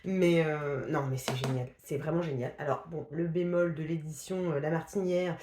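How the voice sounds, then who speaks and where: A woman chats casually about her recent reading, full of hesitations, restarts and quick laughs. Her voice sits a little low for a woman. The recording has a noticeable room echo. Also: fairly even intonation, noisy background. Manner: chatty, hesitant with many fillers and restarts, laughs often. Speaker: book vlogger. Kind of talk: casual book review chat.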